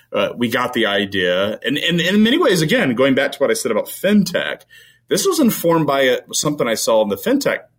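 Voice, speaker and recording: A man's voice: on the low side, fairly bright tone. A man answering interview questions as a company founder, rambling with frequent restarts and fillers.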